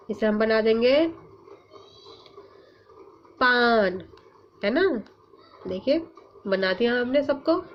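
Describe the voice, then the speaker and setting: A woman teacher leading an online class for young pupils, drawing out letters and words slowly and asking coaxing questions. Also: fairly high pitch. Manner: slow, drawn-out sounding of letters and words; patient, coaxing questions to children. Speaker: Urdu teacher. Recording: muffled lo-fi sound, faint hum.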